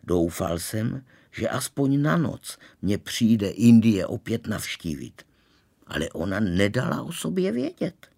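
A man reading a storybook aloud as its first-person narrator, with animated, lively storytelling. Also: on the low side, gravelly, husky.

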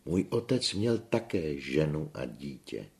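A man reading the lines of an earnest young man who speaks in a measured, reasoning way. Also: rumbling low, sing-song, vocal fry, darkish tone, full character voice. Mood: persuasive.

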